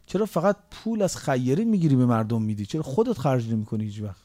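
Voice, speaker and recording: A man preaching a sermon, pressing the listener with rhetorical questions and dropping from raised reproach to quiet, low stretches.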